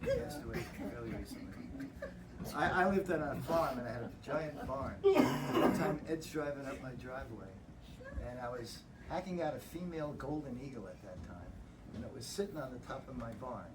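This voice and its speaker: A man's voice: mid-range voice, normal speed. An older man giving a laughing, anecdotal talk at a club gathering. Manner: lively, laughing storyteller. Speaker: club speaker. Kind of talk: anecdotal after-dinner talk. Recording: distant mic, loud background noise.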